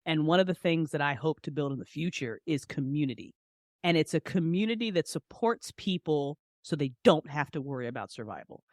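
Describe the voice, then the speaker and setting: This woman, an independent entrepreneur appearing as a podcast guest, talks informally and passionately, repeating key phrases for emphasis. Her deep voice is animated, brisk and a little mellow. The sound is studio quality with no room sound.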